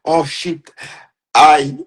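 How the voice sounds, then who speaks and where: A man's voice: a little high, flat delivery, drawn-out words. Mocking man in casual livestream commentary. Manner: mocking and teasing, laughing often, repeating phrases. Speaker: online commentator.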